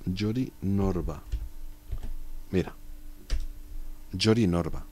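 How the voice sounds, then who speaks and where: A man's voice: low voice, extremely slow, warm tone, slight background noise. A young man with a Spain Spanish accent, chatting casually and joking with his chat while streaming a strategy game. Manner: joking, chatty, reads chat aloud and riffs on it.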